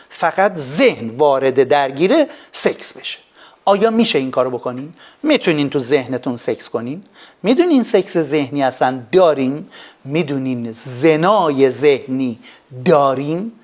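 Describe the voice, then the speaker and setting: A man, a psychologist, giving an animated lecture on a live stream, full of rhetorical questions. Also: medium pitch. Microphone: phone.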